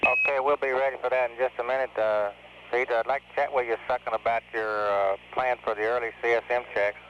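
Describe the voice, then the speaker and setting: A man's voice: medium pitch, fairly even intonation, fast talker. An American man at mission control on astronaut radio, explaining technical matters in a hesitant way. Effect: radio transmission. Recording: muffled, noisy 1970s mission radio. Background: faint radio noise.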